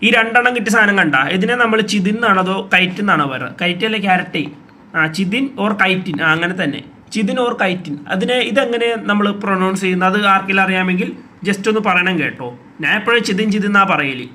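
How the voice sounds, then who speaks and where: A man chatting to his viewers while he plays a mobile survival game, reacting aloud with quick exclamations. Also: high voice, sharp tone. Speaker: gaming YouTuber. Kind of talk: casual gameplay commentary.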